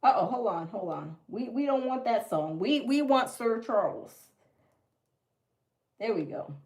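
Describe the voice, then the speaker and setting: A woman's voice: on the high side, lively intonation, a little slow, a little mellow. A woman from the American South with a Southern accent, hosting a casual livestream, chatting folksily with viewers and reading their comments aloud. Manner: chatty, folksy, repeats herself. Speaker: livestream host.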